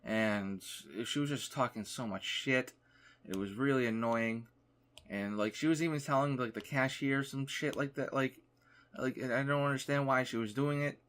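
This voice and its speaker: A young man of medium pitch casually tells a story over his gameplay. He rambles, restarts, and leans on "like" all the time. His tone is loose and chatty. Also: normal speed, fairly bright tone. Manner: rambling, lots of "like" fillers. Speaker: gaming YouTuber.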